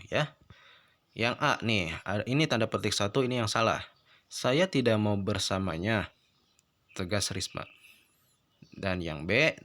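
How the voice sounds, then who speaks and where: A male teacher giving a recorded lesson, explaining step by step and often checking in with a quick "ya". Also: lowish voice, fairly bright tone.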